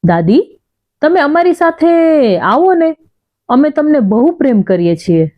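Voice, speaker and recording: A woman's voice: high-pitched, big pitch swings, a little slow, highs cut off, pitched above the performer's own voice. A woman narrator voicing an innocent, earnest young boy. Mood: pleading.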